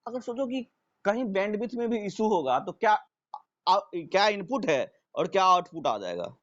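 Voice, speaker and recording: A man's voice: high voice, very animated, moderate pace, fairly bright tone. A man teaching a live online class, who keeps asking his students if they follow and repeats his own questions. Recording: dull lo-fi stream audio.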